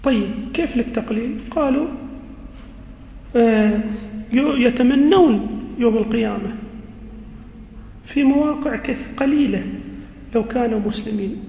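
A male teacher giving a lesson, speaking slowly and deliberately, repeating key words and quizzing his class. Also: very high voice, dark tone. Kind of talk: classroom lesson on Quranic grammar. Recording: echoey hall with faint ambience.

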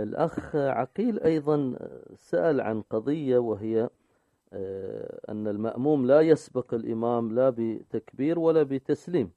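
A man's voice: medium pitch, mellow, no room sound. A man hosting a call-in religious show, taking calls and reading listeners' questions with brief, polite acknowledgements. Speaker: radio show host. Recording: dry, phone-like narrow sound.

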